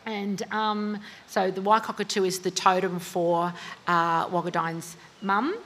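An Australian woman author discusses her novel at a book talk interview, chatty and full of fillers and self-corrections. Her voice is medium-pitched and fairly bright, with little pitch movement and a measured pace, over slight background noise.

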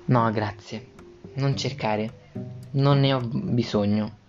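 A man voicing a frail, gentle old father who reassures his son softly, in a dull lo-fi recording with faint guitar. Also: medium pitch, fairly even intonation, takes it slowly, lightly acted. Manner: soft, reassuring.

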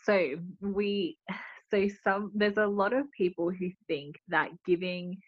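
A woman's voice: medium pitch, takes it slowly, no room sound. A woman guest in a casual interview, explaining her ideas thoughtfully with many "like" fillers. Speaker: podcast guest. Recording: dull lo-fi audio.

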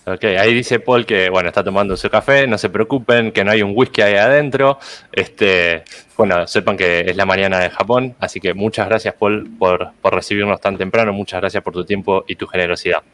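A man's voice: on the low side, fast talker, fairly bright tone. A man who is a native Spanish speaker, hosting an interview podcast politely. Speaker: podcast host.

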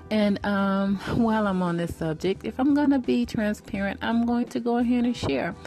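Earnest woman in her forties, mellow voice. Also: medium pitch. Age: 40s. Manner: earnest, preacherly, repeats phrases for emphasis. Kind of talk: faith-based motivational talk.

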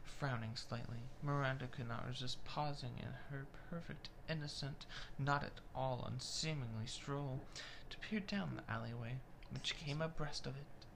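Someone reading a romance novel aloud at a steady pace, with the occasional remark about the text. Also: mid-range voice, normal speed, vocal fry, noisy background.

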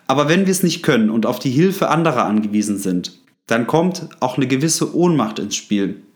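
A man hosting a solo podcast, speaking directly to the listener with advice, often pausing with fillers and restarting his sentences. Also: mid-range voice, animated. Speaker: podcast host.

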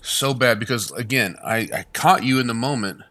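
A man co-hosting a podcast, chatting casually and telling stories with emphatic, animated rants. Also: mid-range voice, moderate pace, no echo. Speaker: podcast co-host. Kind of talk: casual chat.

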